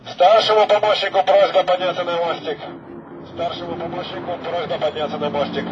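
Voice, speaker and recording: A man calmly giving repeated formal orders to the crew as a ship loudspeaker announcement, heard from aboard a ship in port. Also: high-pitched, a little fast, crowd noise. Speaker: ship's announcer. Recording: lo-fi loudspeaker with loud deck noise.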